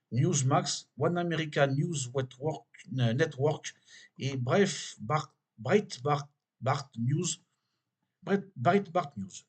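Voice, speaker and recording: A man's voice: a little high, husky. A man with a French accent hosting a weekly video, reading an online biography aloud and adding his own opinions, with many fillers and restarts. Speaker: video host reading and commenting. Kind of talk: casual commentary reading from a web page.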